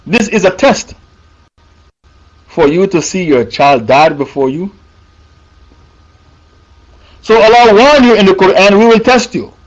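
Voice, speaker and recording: High-voiced male preacher, lo-fi recording. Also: normal speed. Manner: emphatic, repeats points. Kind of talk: sermon.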